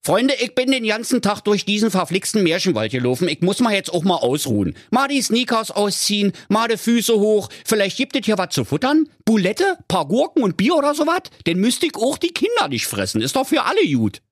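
A man voicing a cheeky, lazy male bear with a Berlin accent, talking high and brash. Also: big pitch swings, fairly quick, few pauses, no room sound, studio quality. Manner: high-pitched, brash, colloquial.

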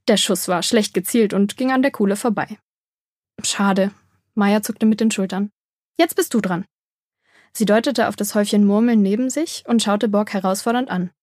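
A woman narrating a children's storybook in a calm, even storytelling manner, with a breathy voice. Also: mid-range voice, no echo, clean studio sound. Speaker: audiobook narrator.

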